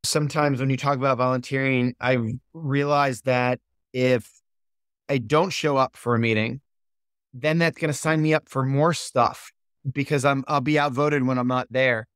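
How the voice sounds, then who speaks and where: Male interview host, smooth clear voice, dry close sound, easy conversational questions. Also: medium pitch, fairly even intonation, normal speed, fairly bright tone, dry recording. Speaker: podcast host.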